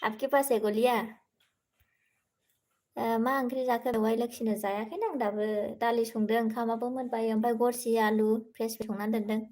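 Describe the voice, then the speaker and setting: A young woman chats on a live stream, reading out viewer comments and answering each one in turn. Her voice sits a little high and stays soft, and she switches easily between languages. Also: fairly even intonation, moderate pace. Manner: speaking softly, says she cannot talk louder.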